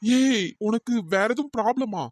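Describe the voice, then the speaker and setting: Performer doing a pushy young male college admirer, mid-pitched, pleading, dry close mic. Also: normal speed, no room sound, close to an everyday voice. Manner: pleading, apologetic, pestering. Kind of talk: cartoon voice acting.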